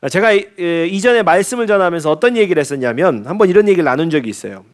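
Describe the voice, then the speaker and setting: A man's voice: high voice, expressive, very fast. A male pastor preaching a sermon at a church service, speaking conversationally and asking his listeners frequent rhetorical questions.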